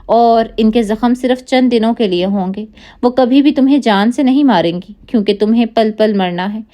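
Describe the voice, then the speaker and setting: A woman's voice: medium pitch, mellow, lightly acted. A woman reading the lines of a vengeful, cold-hearted man in an audio novel.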